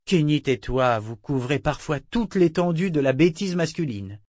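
A man's voice: fairly high pitch, animated, moderate pace, a little mellow, no room sound, clean studio sound, pitched above the performer's own voice, natural voice. A man reading an audiobook voices a pregnant woman who teases and scolds a younger man, in a raised voice. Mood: chiding. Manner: teasing then firm. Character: pregnant woman, warm but teasing, sharp-tongued.

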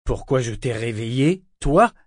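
A man playing a gruff weary ship captain. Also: mid-range voice, normal speed, a little mellow, dry recording, studio quality, close to an everyday voice. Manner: gruff, curt, ironic.

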